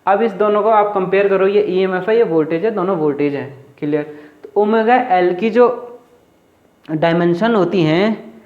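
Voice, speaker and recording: High-voiced man teaching physics. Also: moderate pace, a little mellow. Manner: repetitive, asks and answers own questions. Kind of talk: whiteboard lecture. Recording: roomy, dull lo-fi classroom recording.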